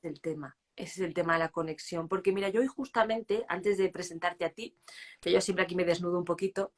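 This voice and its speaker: A woman's voice: on the low side, fairly even intonation, fairly quick. A woman in her forties hosting an interview, speaking candidly and reflectively about her own life. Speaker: host. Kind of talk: casual interview talk. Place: live online stream.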